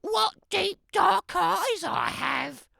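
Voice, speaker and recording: A woman's voice: extremely high pitch, big pitch swings, extremely slow, creaky, sharp tone, dry recording, clean studio sound, voice pushed up, heavily acted. A woman voicing a vain, prissy little girl in a storybook, boasting and admiring herself in a sing-song manner. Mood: self-admiring.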